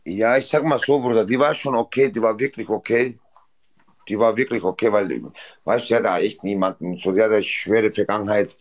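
A man's voice: lowish voice, fairly even intonation, fairly quick. A man hosting a casual phone livestream, rambling and filling in with brotherly asides. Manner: rambling, repeats "Bruder" and "weißt du". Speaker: livestream host.

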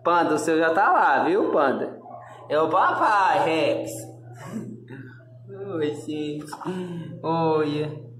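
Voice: mid-range voice, lively intonation, drawn-out words, pauses often, a bit bright. A Brazilian pet owner speaking to the camera in affectionate baby talk while feeding the dogs at home. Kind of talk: casual pet vlog narration. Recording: echoey room with noise. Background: dogs barking and growling.

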